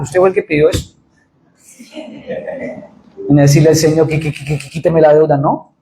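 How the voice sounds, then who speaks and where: A Colombian man preaches a sermon with lively energy, tossing questions to his listeners and answering them himself. His voice rings through an echoey church room. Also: high-pitched, slight background noise. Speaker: pastor. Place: church sanctuary.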